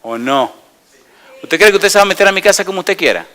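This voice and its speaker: A middle-aged man preaching as a pastor has a high voice and a quick pace. He animatedly recounts stories, shifts between loudness and quiet, and asks his congregation repeated yes-or-no questions.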